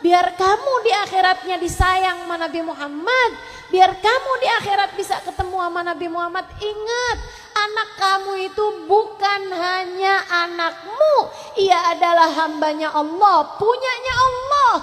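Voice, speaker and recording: A woman preacher gives a sermon, her high voice pleading and animated as she addresses the mothers before her. A long reverb from the hall follows each phrase. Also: normal speed. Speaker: Islamic preacher (ustazah).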